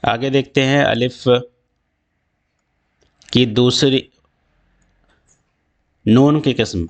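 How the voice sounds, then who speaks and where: A man teaching an Urdu grammar lesson, explaining slowly and repeating himself with restarts, with an Indian Urdu accent. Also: medium pitch, fairly even intonation. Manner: slow, repetitive explaining with restarts.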